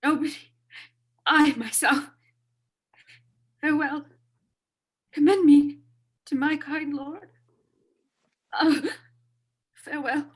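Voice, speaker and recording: A woman playing a gentle, forgiving young wife speaking faint, halting last words in a Shakespearean tragedy reading. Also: high voice, fairly even intonation. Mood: dying, forgiving. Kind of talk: Shakespearean tragedy cold read.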